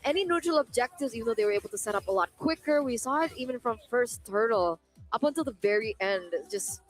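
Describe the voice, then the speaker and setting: A woman's voice: a little high, animated, fast, soft background music, poor audio. A young woman working as an esports caster on a live desk, chatting casually with plenty of "like"s. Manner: casual, filler-heavy chatter.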